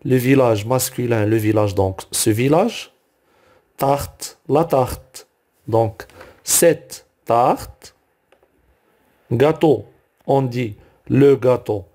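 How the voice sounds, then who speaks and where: A man's voice: mid-range voice, slow, dark tone. A man teaching a grammar lesson, working through exercises word by word, repeating each item and correcting his own slips. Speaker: French teacher. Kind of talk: slow explanatory grammar lesson.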